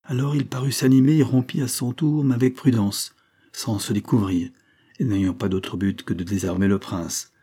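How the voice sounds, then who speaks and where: Male reader for historical fiction, steady, husky, mellow low voice. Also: normal speed. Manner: steady literary reading. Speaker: narrator. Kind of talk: audiobook narration of a historical novella.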